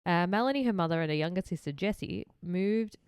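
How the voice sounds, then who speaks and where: A woman's voice: on the low side, lively intonation, brisk, darkish tone, smooth, no room sound, studio quality. Giggly Australian woman reading case notes. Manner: giggly, rambling, reads case notes aloud. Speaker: podcast co-host. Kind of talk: casual true-crime chat.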